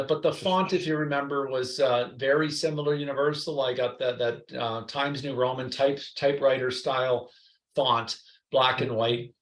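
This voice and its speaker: A man guest in a podcast interview, telling lively anecdotes full of quoted voices. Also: medium pitch. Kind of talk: storytelling interview chat. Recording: roomy echo.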